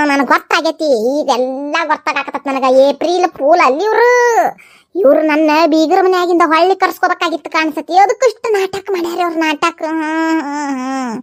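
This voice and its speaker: A shrewd, suspicious mother-in-law in a comedy skit, played by a woman with a North Karnataka Kannada accent. Her voice is very high and dry, full of mocking, knowing asides. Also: fairly quick, no echo.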